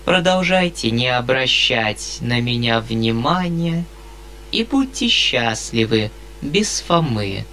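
A man's voice: medium pitch, very animated, takes it slowly, bright, forceful tone, slight background noise, full character voice. Man doing a sulky, sanctimonious hanger-on. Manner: sanctimonious, sullen. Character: sulky, self-important male hanger-on.

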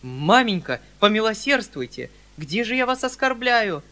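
A man's voice: high voice, measured pace, pitched above the performer's own voice, exaggerated voice. Man doing a flustered pleading uncle. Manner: excited, pleading, declamatory. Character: flustered kindly middle-aged landowner uncle, pleading.

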